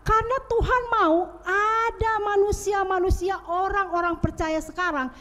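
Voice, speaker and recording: A woman's voice: very high voice, fairly even intonation, moderate pace, fairly bright tone. A woman church elder preaching a sermon and leading prayer, emphatic and rising sharply on her key points. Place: church sanctuary. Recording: long church reverb.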